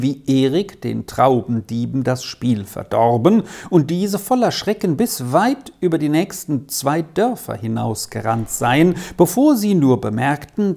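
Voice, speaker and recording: A narrator reading a classic children's story aloud in a calm, even storytelling manner. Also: medium pitch, creaky.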